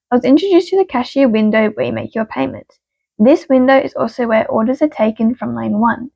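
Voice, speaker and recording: A woman with a raised, gravelly fry reads stories aloud, expressive with quick punchy asides. Her voice is dry and close, with a slightly dull, muffled sound. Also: fairly high pitch, no echo. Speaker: story reader. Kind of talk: narrated story reading.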